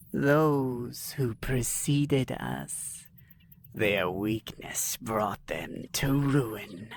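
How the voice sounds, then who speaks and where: A man voicing a menacing alien warlord who talks in a slow, hissing half-whisper. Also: on the low side, gravelly, a bit bright, pitched below the performer's own voice, exaggerated voice.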